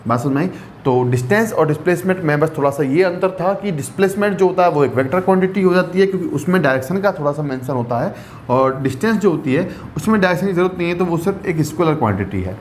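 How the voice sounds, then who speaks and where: Fast and animated, this man's voice runs on the high side as he gives a maths lecture in a classroom. He keeps dropping English terms into the explanations and frequently checks in with rhetorical questions, with a little noise in the background.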